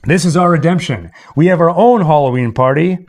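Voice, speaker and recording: Fairly high-pitched and fairly quick, a livestream host chats casually in a jokey, rambling manner and signs off. Music plays behind him, namely Halloween novelty songs.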